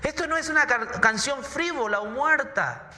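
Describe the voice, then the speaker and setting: High-pitched guy preaching, sharp bright voice, keeps repeating himself, long church hall echo. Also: lively intonation, normal speed. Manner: emphatic preaching with repeated words and rhetorical questions. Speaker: pastor. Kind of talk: sermon.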